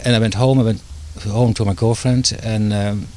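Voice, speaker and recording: A man's voice: lowish voice, steady tone, normal speed, darkish tone. A middle-aged man from the Netherlands, speaking as an interview guest in a hesitant way, with many fillers and restarts. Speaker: guest, author and doctor.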